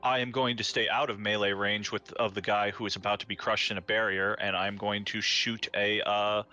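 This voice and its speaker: A man's voice: on the low side, flat delivery, moderate pace, bright, forceful tone. A man playing a tabletop role-playing game, casually explaining moves and rules. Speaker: player in a tabletop RPG. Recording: background music under the voice.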